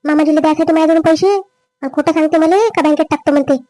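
A woman playing a greedy, scheming young wife in a family drama skit, with a quick, complaining manner. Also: high voice, fairly even intonation, dark tone, dry recording, natural voice. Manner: quick, complaining, rising whine. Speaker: daughter-in-law.

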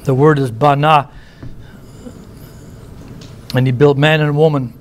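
A male preacher from the United States gives a sermon in a church. His voice sits a bit high, and he talks in a loose, conversational way, restarting phrases and tossing in asides. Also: fairly even intonation, slow, slight background noise.

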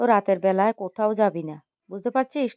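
A woman's voice: medium pitch, fairly quick, a little mellow, clear, resonant tone, dry recording, close to an everyday voice. Woman voicing a pleading, scolding mother. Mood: anxious, scolding. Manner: pleading, insistent repetitions. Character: worried, scolding middle-aged mother.

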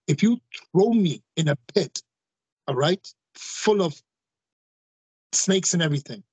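Forceful and repetitive for emphasis, this guest in his forties addresses listeners directly during a video-call interview. His slightly high, somewhat husky voice comes through close and dry with no echo, though the audio is poor.

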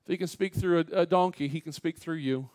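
A man preaching a Sunday school sermon in a church, asking the congregation questions, dropping to a hush and then rising loud and emphatic, with the odd joke. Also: on the high side, a little fast, no echo, studio quality. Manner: swings from hushed to loud and emphatic, asks the room questions; jokes with the congregation. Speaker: pastor. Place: church sanctuary.

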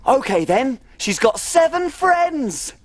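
A woman's voice: high-pitched, very animated, takes it slowly, full character voice. A woman playing a tiny, cheerful female cook on a children's TV show, bubbly and giggly, telling stories in a sing-song way. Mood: playful. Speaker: children's TV presenter. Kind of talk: children's TV acting and storytelling.

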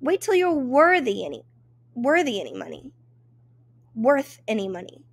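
A woman's voice: a little high, sing-song, normal speed, no room sound, studio quality. A woman voicing cold, scornful wealthy employers who scold a new servant with contemptuous questions.

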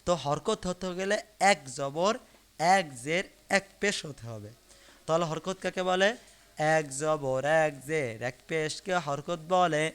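Slow, smooth-voiced man teaching Quran reading. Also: on the high side, fairly bright tone. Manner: patient, repeats each syllable slowly for learners to follow. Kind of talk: online lesson teaching Arabic letters. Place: online live class broadcast.

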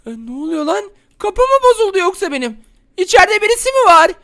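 A man voicing an excitable, easily scared grown man in a Minecraft role-play, shrieking and whining in panic. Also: very high-pitched, exaggerated voice. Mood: grumbling, puzzled. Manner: shrieking, whiny, quick to panic. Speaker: game video host.

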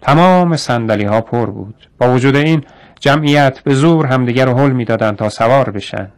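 A man narrating a radio story in a measured way, slowing down on descriptive phrases. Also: medium pitch.

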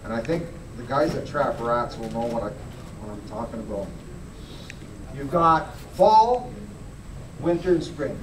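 Speaking at an unhurried pace with long pauses, a middle-aged man with a medium-pitched, animated voice demonstrates fur grading live for an audience. His manner is plain, and he often asks them to look more closely. A far-off camera records him in an echoey indoor hall, with background noise present.

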